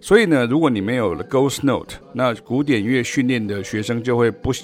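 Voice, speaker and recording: A man's voice: medium pitch, animated, moderate pace. A man from Taiwan with a Taiwanese Mandarin accent, giving a podcast music lesson as a jazz teacher and explaining points with sung rhythm syllables.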